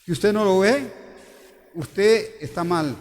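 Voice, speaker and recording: High-voiced pastor preaching in a reverberant church. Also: male voice, slow. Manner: emphatic, repeats questions to the congregation. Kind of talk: sermon. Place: church hall.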